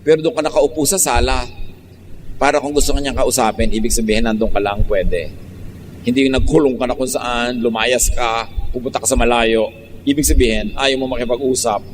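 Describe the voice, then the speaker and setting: A man's voice: mid-range voice, big-room sound, a little hiss or hum. A man from the Philippines with a Filipino accent preaching a sermon, switching between Tagalog and English in an emphatic, teasing way.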